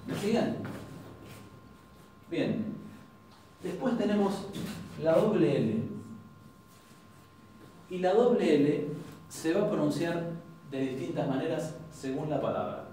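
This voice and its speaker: A man with an Argentine Spanish accent teaching an informal language class, explaining patiently and repeating example words slowly. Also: a little high, expressive, warm tone. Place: university classroom. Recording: very echoey classroom, far from mic, faint noise.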